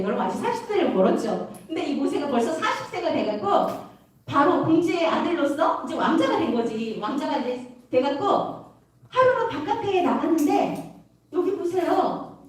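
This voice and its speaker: A woman youth pastor telling a story as a lively sermon to young people, acting out the figures and asking the listeners questions. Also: high voice. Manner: animated, acts out the story in voices, asks the listeners questions. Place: church worship hall. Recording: very echoey hall, mic at a distance.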